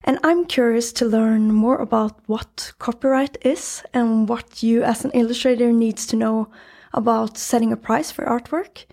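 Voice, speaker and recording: Creaky-voiced Norwegian woman hosting. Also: a little high, fairly even intonation, moderate pace, darkish tone. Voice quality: husky, creaky. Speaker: podcast host and interviewer. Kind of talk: podcast introduction and interview. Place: indoor meeting room.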